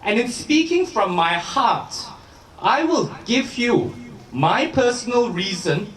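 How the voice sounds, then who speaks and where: Distant noisy recording, male rally speaker, animated swooping intonation, urgent activist appeal, emphatic pauses. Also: extremely high pitch, echoey room. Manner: emphatic, deliberate public oratory with pauses for effect and rhetorical questions. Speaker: rally speaker, lawyer campaigning for a candidate. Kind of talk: political rally speech.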